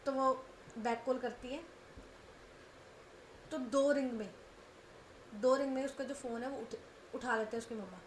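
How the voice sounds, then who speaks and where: A woman's voice: high voice, a little slow, long pauses, echoey room, a little hiss or hum. A woman casually narrating a romance story as the channel's storyteller, chatty, often repeating herself. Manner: chatty, repeats phrases and asks "ठीक है".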